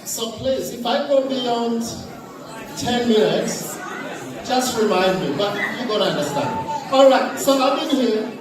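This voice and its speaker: A man's voice: extremely high pitch, animated, a little slow. A Zambian man in his forties gives a chatty, humorous talk to an audience in a large indoor hall, using a handheld mic and leading call-and-response. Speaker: guest speaker. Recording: echoey hall from far off with crowd and noise.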